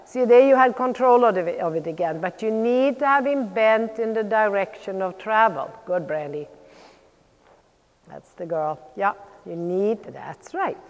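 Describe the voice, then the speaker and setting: A woman coaching a riding lesson, calling out brisk, projected commands mixed with encouragement and blunt corrections. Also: medium pitch. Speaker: riding instructor, clinician. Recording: long echoing reverb of a large hall.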